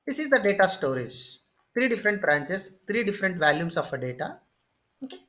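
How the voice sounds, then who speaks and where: An instructor giving a screen-share tutorial lecture, explaining step by step, often pausing on "okay" and repeating or restarting phrases while thinking. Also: medium pitch, very animated, fairly bright tone.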